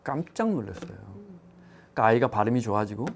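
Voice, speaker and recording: A man's voice: on the low side, fast, gravelly. A middle-aged man chatting on a talk panel, telling personal stories and acting out quoted voices. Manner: storytelling, animated quoting of others. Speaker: economics show panelist. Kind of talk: casual chat.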